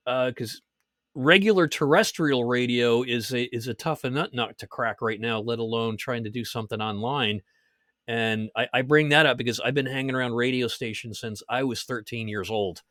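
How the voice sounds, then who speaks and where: A man hosting a podcast, telling stories in a lively casual way and laughing at his own jokes. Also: mid-range voice, no echo, studio quality. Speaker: podcast host. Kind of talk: casual chat.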